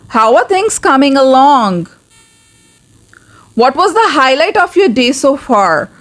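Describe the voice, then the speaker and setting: A woman teaching spoken English, repeating each practice phrase twice in a slow, careful drill. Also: high voice, fairly bright tone. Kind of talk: language lesson.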